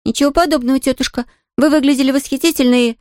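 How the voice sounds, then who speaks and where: A woman reading an audiobook, putting on the voice of a cheerful, eager little girl who talks brightly and pleads sweetly. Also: sits high, steady tone, very fast, dry recording, clean studio sound, pitched above the performer's own voice, natural voice. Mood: pleading.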